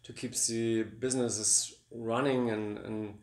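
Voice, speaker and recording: A man's voice: mid-range voice, level tone, slow pace, a little mellow. A German man speaking in a conversational interview, hesitant and often repeating words while he searches for them. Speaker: guest. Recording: echoey room.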